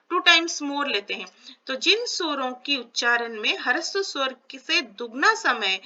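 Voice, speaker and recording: Woman teacher, patient explainer, answers her own questions, slips into English, high voice, unhurried. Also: pushed and bright, muffled recording. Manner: slow, drawn-out sounding of each vowel; asks questions and answers them herself. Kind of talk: classroom explanation.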